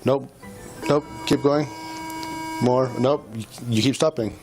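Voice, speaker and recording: A man's voice: medium pitch, slow pace. A middle-aged male police officer coaching someone through a breath test with short, repeated commands. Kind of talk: bodycam field recording. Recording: bodycam audio under loud music.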